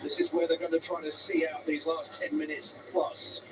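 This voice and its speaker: A man giving measured, analytical live football commentary, heard through noisy broadcast audio. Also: fairly high pitch, level tone.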